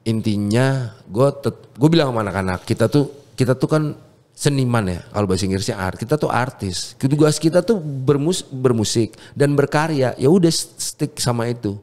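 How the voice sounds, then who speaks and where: A male music producer, medium in pitch and moderate in pace, tells a casual story about his own faith. There's real fervor and energy in how he speaks, and he drops English words into his slang.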